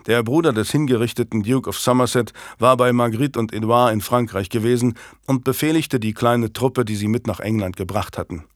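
Male audiobook narrator, even storytelling, mid voice, dry studio sound. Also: medium pitch, brisk, no room sound. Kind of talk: scripted narration.

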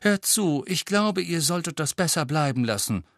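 A man's voice: on the high side, animated, moderate pace, creaky, no room sound, studio quality, voice pushed up. A man voicing an earnest, bookish teenage witch girl in an audiobook reading, lecturing and anxious. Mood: stern. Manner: earnest, lecturing, hushed when worried.

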